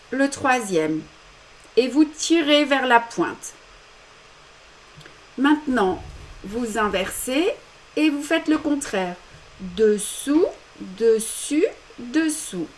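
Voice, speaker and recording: A woman's voice: high-pitched, a little mellow, slight background noise. A woman with a French accent giving step-by-step embroidery instructions during a live demonstration, with small self-deprecating asides. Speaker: embroidery teacher.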